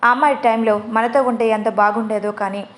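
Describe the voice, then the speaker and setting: A woman voicing a gentle young husband who speaks softly and reassures others, in a spoken storybook. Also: fairly high pitch, steady tone, a little fast, close to an everyday voice. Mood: grieving. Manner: soft, reassuring.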